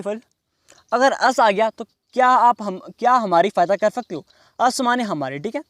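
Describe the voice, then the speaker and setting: A man teaching in a class, explaining slowly and repeating each phrase. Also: high voice, a bit bright, no echo. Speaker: English teacher. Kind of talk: classroom lesson.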